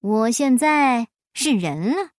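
A woman voicing a clever, humble male folk trickster in a storybook reading, unhurried and politely mocking. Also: on the high side, lively intonation, no room sound, clean studio sound. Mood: sly.

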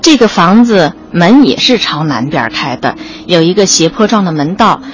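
Speaking off the cuff at an exhibition, this woman guide walks visitors through the displays one step at a time, pointing things out as she goes. She has a lowish, expressive voice at normal speed, and the background on site is clearly noisy.

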